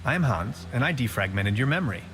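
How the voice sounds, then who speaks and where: Casting: man playing a fussy, tidy game hero with a lively, wandering tone. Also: medium pitch, fairly quick, background noise, close to an everyday voice. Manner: fussy, mutters about clutter and order. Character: Hans Tannhauser, a fussy orderly man.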